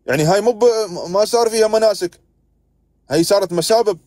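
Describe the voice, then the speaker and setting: A man with an Emirati accent hosts a heated live stream, scolding callers, arguing with them and interrupting constantly in exasperation. His voice is high, quick and dark in tone, with no room sound.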